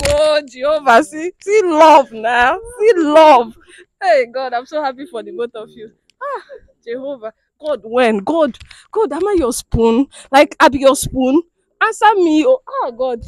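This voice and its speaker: A woman's voice: high-pitched, no echo. A young Nigerian woman hosting a street prank, laughing often and crying out to God in Pidgin asides. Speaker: prank show host. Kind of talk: excited street prank chat.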